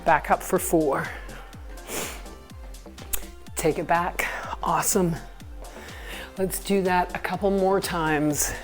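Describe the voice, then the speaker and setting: Female fitness coach, lower register, slow measured delivery, encouraging short cues and countdowns, music underneath. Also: fairly even intonation. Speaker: fitness instructor. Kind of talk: instructing an exercise class, counting down reps. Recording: music behind the voice.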